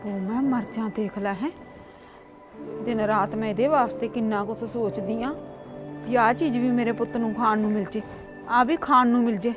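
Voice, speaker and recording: A woman playing a high, nagging stepmother. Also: fairly even intonation, normal speed, lo-fi sound, music in the background, lightly acted. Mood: self-pitying. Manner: shrill, scolding, complaining. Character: nagging middle-aged stepmother who later repents. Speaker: actress in a short comedy film. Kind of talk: village comedy sketch acting.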